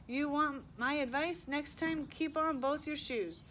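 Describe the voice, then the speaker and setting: A brisk, practical transit cop who hands out dry advice, as a woman reads her. Her voice sits fairly high, with faint noise underneath. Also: fairly bright tone. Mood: matter-of-fact. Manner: matter-of-fact, dry advice.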